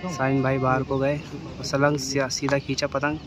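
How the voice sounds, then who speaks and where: Over a noisy crowd and street sounds, a young man keeps up flat, steady live commentary on a kite fight from a city rooftop, shooting it on his phone. His voice sits in the mid range, at a moderate pace.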